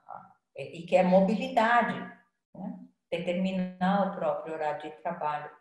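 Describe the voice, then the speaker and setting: A woman's voice: mid-range voice, darkish tone. An older woman giving a casual live talk on astrology as the presenter, speaking conversationally and often adding little tag questions and fillers. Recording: very roomy sound.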